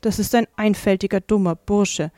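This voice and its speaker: A woman's voice: mid-range voice, steady tone, moderate pace, warm tone, no room sound, lightly acted. Woman doing a brash young boy. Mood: scornful.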